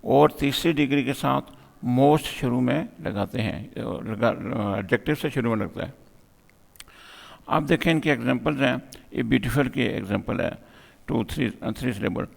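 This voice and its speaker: A man's voice: medium pitch, moderate pace, creaky, big-room sound. A man teaching a grammar lesson, explaining step by step and asking questions he then answers.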